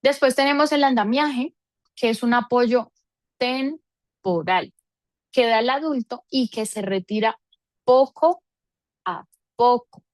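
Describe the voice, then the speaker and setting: A woman's voice: fairly high pitch, slow pace, pauses often, no echo. A woman teaching a parenting seminar, explaining with everyday examples and affectionate diminutives.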